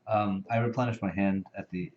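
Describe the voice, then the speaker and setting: A man's voice: lowish voice, steady tone, fairly quick, a little mellow, slight background noise. A man who knows the game well, patiently explaining the rules in casual board game chat, with many fillers. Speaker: experienced player explaining rules. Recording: dull lo-fi recording.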